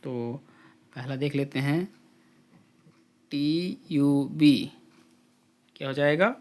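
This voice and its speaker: A man teaching an English phonics drill, spelling out letters and blending each sound slowly with repetition. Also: a little high, darkish tone. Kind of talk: slow phonics drill lesson.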